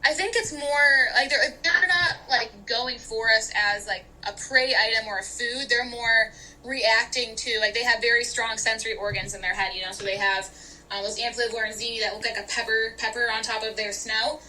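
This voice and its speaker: Bright, animated young woman. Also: on the high side, fairly quick, slight background noise, poor audio. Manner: animated, laughing, many fillers. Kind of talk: casual podcast chat.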